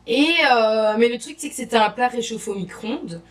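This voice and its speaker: A woman's voice: on the high side, normal speed. A young woman, chatting enthusiastically to camera as an exchange student vlogger. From Belgium. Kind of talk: casual vlog to camera. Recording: voice a bit distant from the mic.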